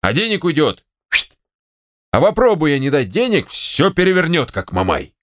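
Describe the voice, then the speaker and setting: A man's voice: low voice, wildly swooping pitch, unhurried, full character voice. A man reading a story, voicing a grumbling, hot-tempered retired general who blusters and exclaims. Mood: blustering.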